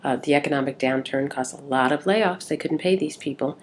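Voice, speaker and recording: Low-voiced woman giving a casual lecture. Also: fairly quick, slight background noise. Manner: informal, with filler "uh"s. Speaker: instructor. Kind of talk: recorded lecture.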